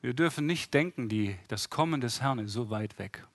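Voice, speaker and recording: A man's voice: medium pitch, expressive, normal speed, no room sound. A man preaching an interactive sermon, often asking the congregation questions and acting out the voices he quotes.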